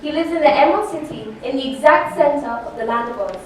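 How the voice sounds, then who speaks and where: A woman's voice: high voice, animated, fast talker. A woman playing a kindly, protective good witch in a stage play, reassuring and dignified. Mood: kindly, solemn. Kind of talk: theatrical stage play acting. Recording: very echoey hall, distant mic, faint noise.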